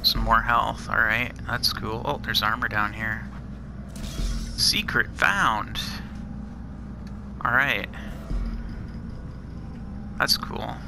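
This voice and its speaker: A man's voice: on the low side, extremely slow, creaky, long pauses, noisy background. A man giving easygoing, casual commentary while playing a shooter, reacting to each find as he goes. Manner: easygoing, muttering reactions to finds. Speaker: gamer playing a custom map. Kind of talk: casual let's-play commentary.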